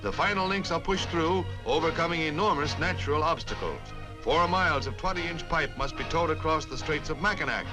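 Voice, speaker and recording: A man with a fairly high-pitched voice delivers dramatic, declamatory 1950s newsreel narration peppered with wry quips. It comes through as old newsreel sound on a film soundtrack, roughly recorded, with music behind him.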